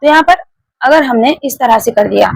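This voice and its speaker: Sitting high with lively intonation and some creak, this woman's voice moves at a moderate pace in a grammar lecture. She explains each step, repeats the key points and quizzes her students, on a low-quality recording without echo.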